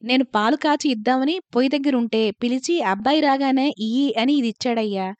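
A woman voicing a village mother who has just lost her husband, speaking slowly through tears. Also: high voice, darkish tone, dry recording, highs cut off, natural voice. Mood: tearful. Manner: tearful, slow. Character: grieving village mother, widow.

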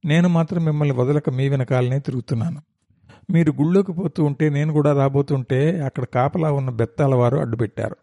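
A sulky young cowherd boy of a storybook, airing his grievances in a complaining, pleading tone, as a male narrator puts him on. His voice is warm and mellow. The sound is dry and close. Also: fairly high pitch, brisk, creaky, no echo.

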